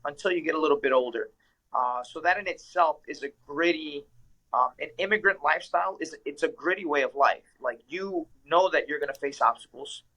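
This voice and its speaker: A young Ecuadorian man, a professional mixed martial arts fighter, appears as a guest answering interview questions. His voice sits on the high side, sounding pushed and bright, and the audio quality is poor. He responds earnestly and reflectively, with frequent fillers.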